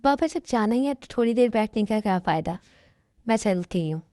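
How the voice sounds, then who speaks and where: A woman voicing a gentle, withdrawn young woman who speaks slowly and softly in a fan dub. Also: mid-range voice, lively intonation, no echo, studio quality, lightly acted. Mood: subdued. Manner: slow and subdued. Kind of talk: fan dub dialogue acting.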